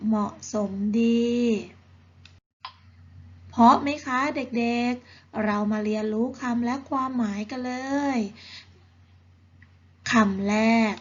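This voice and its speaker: A woman teacher reading vocabulary words slowly and carefully to children, saying each word twice. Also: fairly high pitch, slightly rough, muffled recording. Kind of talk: slow vocabulary lesson for children.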